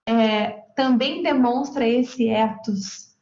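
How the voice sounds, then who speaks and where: A woman's voice: fairly high pitch, darkish tone. Woman lecturer, echoey muffled call. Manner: measured, technical, adds points to a colleague's talk. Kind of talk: academic lecture. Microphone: video call.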